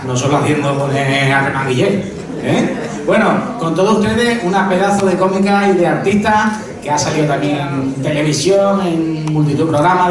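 A man working as emcee, introducing the next act on stage in a chatty, jokey way. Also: on the high side. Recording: very echoey, far mic, audience noise.

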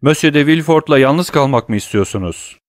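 A man's voice: fairly high pitch, expressive, a little fast, dry recording, studio quality, pitched above the performer's own voice, lightly acted. A man voicing a grief-stricken young lover who declaims accusations with raised, urgent intensity, in an audiobook. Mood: pleading.

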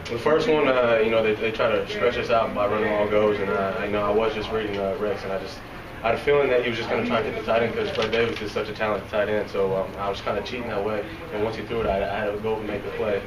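Fast-talking young man, flat and low. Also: over a noisy crowd. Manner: quick, soft-spoken, many fillers and restarts. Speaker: football player at a press conference. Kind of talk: post-game press interview. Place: locker room press area, indoors. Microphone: reporters' recorders held close. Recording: roomy, from a distance, noisy.

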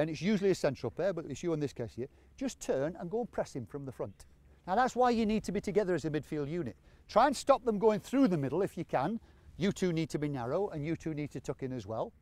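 A man coaching players on an outdoor training pitch, encouraging them and repeating short commands. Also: dark tone, no echo. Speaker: football coach. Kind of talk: on-field coaching instruction.

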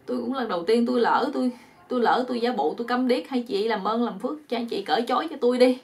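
A woman's voice: on the high side, fast talker, a little mellow, voice pushed up, lightly acted. A terrified young man pleads and whines for mercy in a raised, strained voice, as a woman storyteller puts him on. He is tied up and frantic, and he keeps begging breathlessly in a comic folk tale. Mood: pleading.

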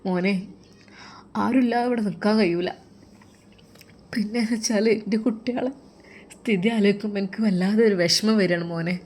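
A loving older mother, full of worry, coaxes her grown son in a Malappuram Malayalam accent, voiced by a woman narrator. She pleads with him softly and tenderly in this spoken story. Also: mid-range voice, moderate pace, pauses often, lightly acted. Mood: sorrowful. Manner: coaxing and tender, calls him "my dear son".

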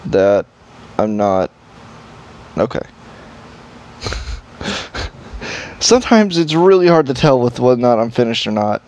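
Man doing casual let's-play commentary, loose and halting. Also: mid-range voice. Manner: casual, halting asides with restarts. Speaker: gaming video creator.

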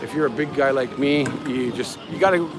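A man with a mid-range voice talks a little fast, giving offhand, rambling walking-tour commentary as he strolls a busy outdoor market street. He's a live-streaming travel vlogger and guide, chatting casually. The crowd and passing traffic of the street are audible all around.

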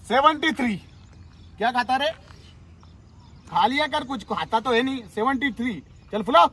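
A young man coaching army recruits in an instructional video, giving brisk commands and teasing them as he drills. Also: very high-pitched, bright, forceful tone. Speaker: army recruitment physical trainer.

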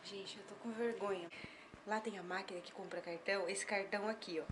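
A woman's voice: medium pitch, fairly even intonation, fairly quick. A woman with a Brazilian Portuguese accent, vlogging from a hospital room, chatting to viewers and to her child. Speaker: vlogger and mother. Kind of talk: casual vlog chat. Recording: noisy phone recording.

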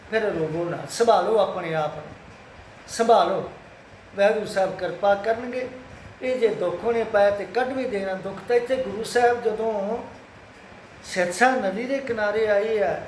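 A man from Punjab speaks to his followers in a high voice, consoling and exhorting them and repeating his pleas. His voice rings in an echoey room. A faint ambient noise sits underneath. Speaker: Sikh social media speaker. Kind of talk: earnest address to followers.

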